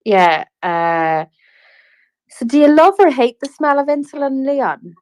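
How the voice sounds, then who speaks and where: A woman hosting a casual chat on a video call, chatty and quick to laugh. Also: sits high, very animated, darkish tone, no echo, poor audio. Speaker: host.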